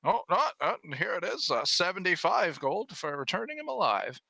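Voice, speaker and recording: A man voicing an old town official, courteous and concerned, in a halting, questioning manner. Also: high voice, big pitch swings, vocal fry, pushed and bright, no room sound, voice pushed up, heavily acted. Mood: fussing, searching. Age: older.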